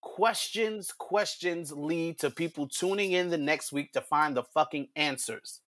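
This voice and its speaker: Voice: medium pitch, measured pace, a bit bright, dry recording. Cohost walking thru the wrestling stuff point by point, dry close sound. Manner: explanatory, builds points step by step. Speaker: podcast co-host. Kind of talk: casual wrestling chat.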